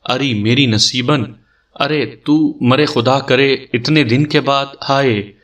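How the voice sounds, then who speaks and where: A man's voice: mid-range voice, a bit bright, recorded from a distance, close to an everyday voice. A man voicing an elderly, doting eunuch elder who wails and fusses in exclamations. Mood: wailing fond. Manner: wailing, fussing exclamations.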